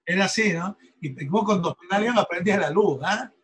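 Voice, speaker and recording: A male university lecturer teaches an engineering class. His voice sits high for a man and has a husky edge. He explains step by step and often pauses to check that the students are following. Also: a bit bright, poor audio. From Argentina.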